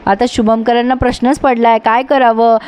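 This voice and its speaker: A woman's voice: a little high, normal speed, clear, resonant tone. Woman retelling a story aloud. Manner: lively, addresses viewers. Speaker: storyteller recapping a serial.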